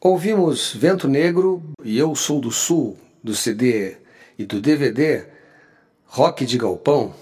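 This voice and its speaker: A man's voice: mid-range voice, lively intonation, slow pace, a little mellow, breathy edge. Man from southern Brazil announcing music. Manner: informative, explanatory, announcer-like. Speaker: radio music show host. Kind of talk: presenting recorded music on radio.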